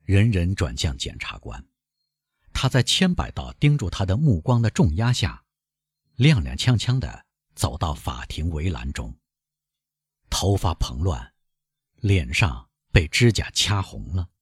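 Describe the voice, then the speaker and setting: Deep, husky male audiobook narrator. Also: measured pace, dry recording, clean studio sound. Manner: dramatic, expressive reading.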